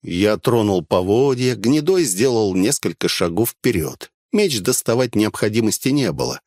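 Lively male audiobook narrator. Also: lowish voice, moderate pace, no echo, clean studio sound. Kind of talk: first-person audiobook narration.

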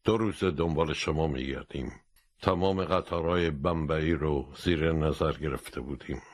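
A man's voice: extremely low pitch, dry recording. A man doing a curt, stern judge. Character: stern, businesslike older male judge. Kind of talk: audiobook character voice.

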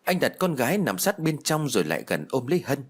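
A man narrating a ghost story audiobook in an expressive storytelling manner. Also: mid-range voice, fast talker, slightly rough.

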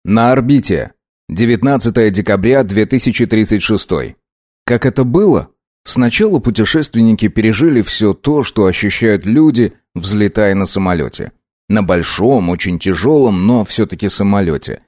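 A man narrating an audiobook in a measured, even manner. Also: lowish voice, dry recording, studio quality. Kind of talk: scripted narration.

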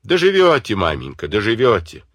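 A man voicing a defiant, scornful young woman who snaps back in sharp, spiteful retorts. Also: on the low side, huge pitch swings, fairly quick, no echo, full character voice.

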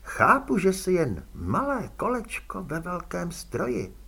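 A man reading an audiobook, voicing a calm male police commander who talks slowly with quiet, probing irony. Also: sits high, gravelly, breathy edge, pitched above the performer's own voice, exaggerated voice. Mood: coaxing. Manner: slow, quietly ironic, probing.

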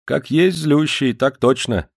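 A man's voice: mid-range voice, slow pace, gravelly, pitched above the performer's own voice. A man voicing an eager, simple-spoken yard keeper who talks in a folksy, deferential way in an audiobook.

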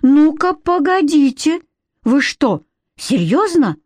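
A woman's voice: high voice, big pitch swings, slow pace, darkish tone, dry recording, studio quality, voice pushed up, exaggerated voice. A woman voicing a bold, outspoken twelve-year-old boy. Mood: indignant. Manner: brash, indignant.

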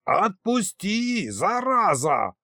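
A man's voice: high voice, expressive, takes it slowly, vocal fry, no room sound, clean studio sound, voice pushed up, heavily acted. A man voicing a whiny, squealing ancient male wizard spirit, a furry floating ball, in an audiobook. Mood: squealing indignant.

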